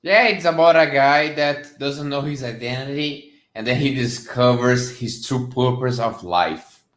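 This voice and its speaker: A man's voice: mid-range voice, a little slow, fairly bright tone, echoey room. A man on a casual group show, teasing the others with short interjections.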